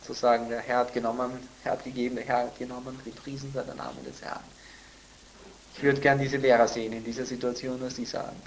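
A man teaching a Bible sermon in a conversational way, with blunt asides, who grows louder and higher when he reads scripture quotes. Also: level tone, fast talker, a little hiss or hum, rough recording. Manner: emphatic, rising in pitch and volume when reading scripture quotes. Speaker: preacher.

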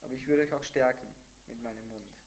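A man teaching a Bible sermon in a conversational way, with blunt asides, who grows louder and higher when he reads scripture quotes. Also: fast talker, a little hiss or hum, low-quality recording. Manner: emphatic, rising in pitch and volume when reading scripture quotes. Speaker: preacher.

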